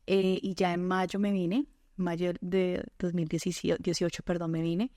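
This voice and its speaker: A Colombian woman tells her personal faith testimony as a podcast guest, earnest and quick to laugh, often quoting her own words. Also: lowish voice, level tone, darkish tone, no room sound, clean studio sound. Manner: earnest storytelling, quick to laugh, quotes herself and God.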